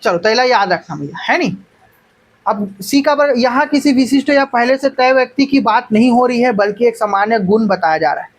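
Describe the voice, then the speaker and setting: A woman's voice: on the high side, moderate pace, low-quality recording. A woman teacher with a Chhattisgarhi accent giving an online exam-prep class, who keeps coaxing students to call out their answers.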